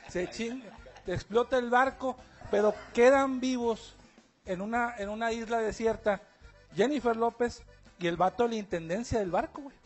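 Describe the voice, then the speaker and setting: A man's voice: very high voice, moderate pace, faint music behind. A man on a radio comedy show, telling a long crude joke in rambling street slang.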